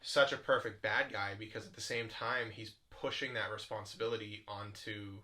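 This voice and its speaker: A young man co-hosting a podcast, chatting casually with relaxed storytelling and quick quips. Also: fairly low pitch. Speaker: podcast co-host. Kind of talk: casual chat.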